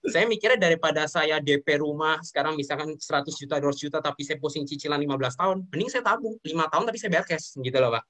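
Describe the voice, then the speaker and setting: A man's voice: a little high, fast talker, few pauses, sharp tone. A young man from Indonesia, speaking earnestly as an interview guest and often addressing the host respectfully. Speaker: guest sharing his business story. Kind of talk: emotional interview talk.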